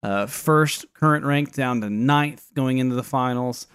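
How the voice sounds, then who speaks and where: A man's voice: medium pitch, measured pace, a bit bright, clear, resonant tone, no room sound, studio quality. A man co-hosting a casual podcast chat, talking in a wry, wordy, mock-formal way with a facetious streak. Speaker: fantasy football podcast co-host.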